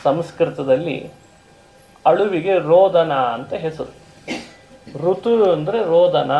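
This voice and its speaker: In a high-sitting voice with phone-quality sound, a man delivers a storytelling sermon as a religious discourse speaker. He retells a tale with quoted dialogue, explains Sanskrit terms, and poses rhetorical questions to his listeners.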